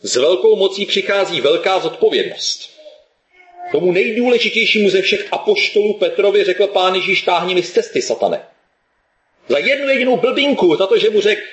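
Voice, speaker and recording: A male preacher giving a sermon in a lively, colloquial storytelling manner. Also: high voice, echoey room, highs cut off.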